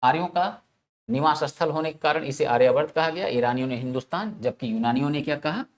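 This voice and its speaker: A man's voice: fairly high pitch, fast talker. Male teacher drilling answers by repetition. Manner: asks rhetorical questions, repeats answers, frequent "theek na". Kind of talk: classroom lecture.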